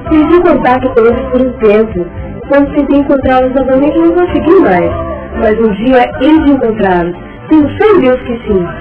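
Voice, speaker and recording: An actress playing a sorrowful but determined young Brazilian widow with earnest, emotional delivery, in old radio show melodrama. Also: female voice, sits high, lively intonation, normal speed, far from the mic. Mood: resolute. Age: young adult. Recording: dull remastered old radio recording, music behind.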